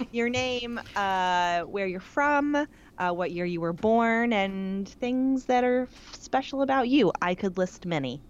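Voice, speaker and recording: A woman's voice: a little high, expressive, slow pace, clean tone, highs cut off. A woman in her thirties co-hosting a casual podcast, gushing and teasing as she chats. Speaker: podcast co-host. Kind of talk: casual chat.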